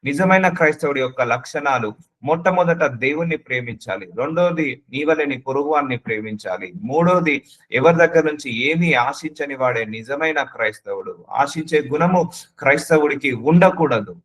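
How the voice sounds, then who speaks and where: A man's voice: a little high, lively intonation, moderate pace, fairly bright tone, poor audio. A man preaching a sermon, earnestly addressing the listener with repeated questions and slipping English words into his speech.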